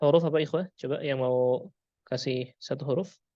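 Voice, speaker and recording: A man's voice: mid-range voice, steady tone, moderate pace, dark tone, dry recording, highs cut off. A man with an Indonesian accent teaching Quran pronunciation, patiently repeating sounds and quizzing his class.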